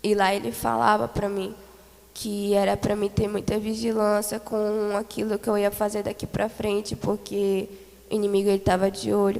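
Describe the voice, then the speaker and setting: Earnest Brazilian woman, gravelly voice. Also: medium pitch, darkish tone, long reverb tail. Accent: Brazilian Portuguese. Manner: earnest, repetitive storytelling with many fillers. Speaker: church member giving testimony. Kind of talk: spoken testimony of a vision. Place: church hall.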